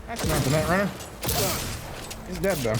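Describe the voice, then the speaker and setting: A man streams a video game with casual, playful commentary. His voice runs high and moves around in a lively way, with clear game noise and gunfire behind it. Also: moderate pace. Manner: playful, chatting to viewers. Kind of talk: casual live gameplay commentary.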